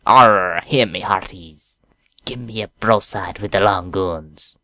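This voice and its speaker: A man's voice: on the low side, slow, bright, forceful tone, no echo, studio quality, full character voice. A man reading a cheerful girl's mock pirate bluster. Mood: playful bluster. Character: cheerful teenage girl playing pirate.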